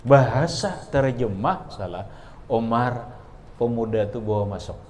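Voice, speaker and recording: A man's voice: medium pitch, animated, unhurried, darkish tone, a little hiss or hum. A man with a Banjar accent teaching a religious book class at an Islamic boarding school. He reads Arabic phrase by phrase, explains each in local dialect, and stops often to quiz his students. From South Kalimantan, Indonesia. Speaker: kiai teaching a kitab class. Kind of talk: traditional religious book lesson.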